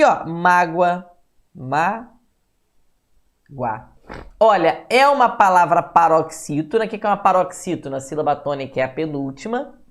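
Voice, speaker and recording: With a high, slightly bright voice and a Brazilian Portuguese accent, this man runs a live online grammar class aimed at exam prep. He chats freely, greets viewers by name, and often asks "beleza?" to check in.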